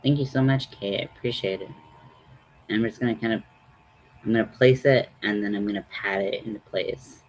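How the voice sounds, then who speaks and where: A man's voice: lowish voice, a little fast, low-quality recording. A man hosting a casual, chatty makeup tutorial in a rambling, self-deprecating way. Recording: noticeable background noise.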